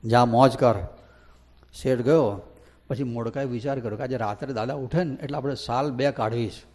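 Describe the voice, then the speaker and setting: A man with a Gujarati accent giving a devotional discourse. He chants verses slowly and then tells saint stories, acting out the characters' lines. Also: medium pitch, dark tone. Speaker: religious storyteller.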